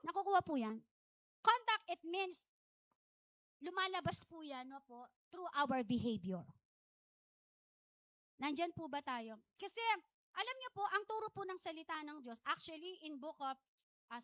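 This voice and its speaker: A middle-aged woman pastor from the Philippines preaches a conversational sermon, wandering off into chatty asides and laughing at herself often. Her high-pitched voice is a bit bright, and the recording has no echo.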